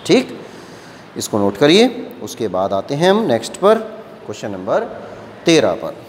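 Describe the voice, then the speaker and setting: A man teaching maths at a board, explaining slowly and patiently step by step and checking often that the students follow. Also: mid-range voice, wildly swooping pitch, big-room sound, slight background noise. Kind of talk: classroom lecture at a board. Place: classroom with a board.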